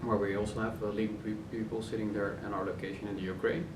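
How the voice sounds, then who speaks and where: Low-voiced co-founder man, roomy and distant. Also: fast talker. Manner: relaxed, many uh fillers. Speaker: company co-founder. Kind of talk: casual interview answers. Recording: roomy office, distant mic, noisy hum.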